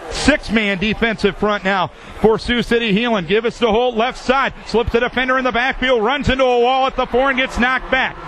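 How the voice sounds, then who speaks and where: A man's voice: very high voice, fairly even intonation, normal speed, few pauses, fairly bright tone. An American man giving live football play-by-play in clipped, telegraphic phrases. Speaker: play-by-play sports announcer. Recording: clear noise behind voice.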